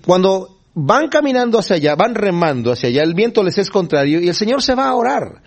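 A male preacher whose voice sits a bit high and swings widely up and down as he preaches. He reads scripture and then talks it through in a relaxed, chatty way, often turning to his listeners with a quick question. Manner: conversational, often asks the listeners "¿verdad?", chuckles while explaining. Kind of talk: sermon with Bible reading and commentary.

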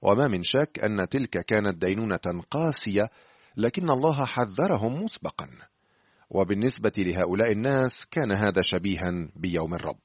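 A man giving scripted radio Bible teaching, speaking to the listener in a measured, earnest way. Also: on the low side, animated, breathy edge, no room sound.

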